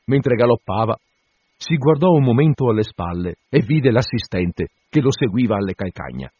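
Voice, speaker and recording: A male narrator reading a classic tale with expressive storytelling. His voice is husky and moves in lively rises and falls. The recording sounds dull and dry. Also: medium pitch, normal speed, dry recording. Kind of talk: scripted literary reading.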